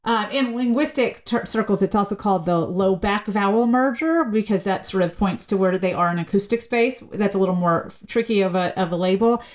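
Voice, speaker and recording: A woman sociolinguist explaining language as a guest in a podcast interview, spelling words out slowly and laughing easily. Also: medium pitch, a little mellow. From United States.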